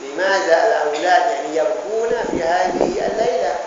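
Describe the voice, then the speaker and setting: Gentle caliph voiced by a male preacher, quiet questions, high voice, distant echoey hall, noisy. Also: moderate pace, highs cut off, lightly acted. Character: kindly caliph, a man checking on the poor. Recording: echoey hall recorded from far off with noise.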